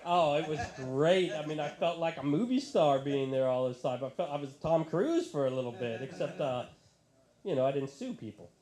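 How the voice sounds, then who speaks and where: A man's voice: fairly high pitch, lively intonation, moderate pace, a crowd in the background. A man in his thirties doing live stand-up comedy in a bar, ranting in a profane, exasperated way into a handheld mic. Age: 30s.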